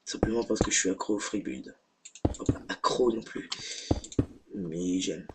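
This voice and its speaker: A man's voice: low-pitched, normal speed. A young man giving casual, hesitant, rambling commentary as he hosts a gaming video. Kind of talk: casual unscripted let's play commentary. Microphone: gaming headset. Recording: noisy mic, audible keyboard clicking. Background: keyboard typing noise and clicks.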